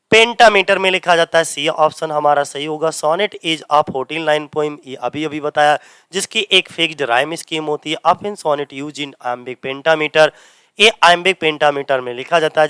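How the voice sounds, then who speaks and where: A man teaching English literature for exams in mixed with English, asking his students questions and answering them himself, and reading English lines slowly before explaining them. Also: a little high, bright, forceful tone, clear, resonant tone, dry recording. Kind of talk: exam-prep lecture in Hindi mixed with English. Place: coaching centre classroom.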